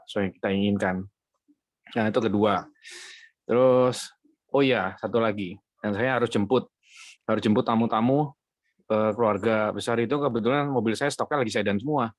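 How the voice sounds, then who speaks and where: A man shares a personal faith testimony in a relaxed, conversational tone, often stopping to hesitate mid-sentence. His voice sits at an ordinary pitch for a man. The sound is close and dry, with no room echo, as over a video call. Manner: chatty, many hesitant fillers. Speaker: car dealer giving a faith testimony. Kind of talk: casual spoken testimony.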